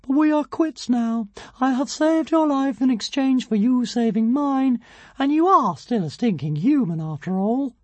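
A man doing a shrill, grandiose tiny dragon. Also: expressive, measured pace, no room sound, heavily acted. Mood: mock sorrowful. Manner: grandiose, singsong proclamations. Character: tiny boastful male nano dragon emperor.

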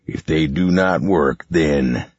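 A man voicing a scheming, sneering mine boss who speaks slowly and with menace. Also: a bass voice, darkish tone, husky, no room sound, exaggerated voice. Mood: menacing. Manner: slow, gloating, menacing. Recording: dull, muffled recording.

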